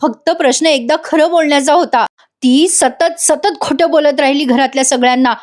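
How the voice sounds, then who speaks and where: A woman voicing a distraught young husband who shouts and pleads in anguish. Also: high-pitched, moderate pace, voice pushed up, lightly acted.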